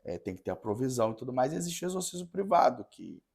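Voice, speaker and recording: Earnest priest telling a story. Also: male voice, medium pitch, very animated, gravelly, a little mellow, husky. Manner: earnest, halting, many restarts. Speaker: parish priest guest. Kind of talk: storytelling in a podcast conversation.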